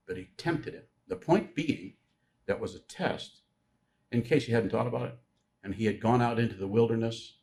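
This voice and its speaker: A man with a lowish voice preaches a sermon in a conversational, teaching manner. He jokes with the congregation and slows down to stress key words.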